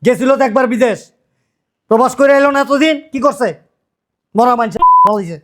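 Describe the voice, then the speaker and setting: An actor playing a loud middle-aged father-in-law who keeps berating his idle son-in-law. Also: very high-pitched, lively intonation, a little fast, slight background noise. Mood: furious. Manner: shouting, berating, repetitive rants.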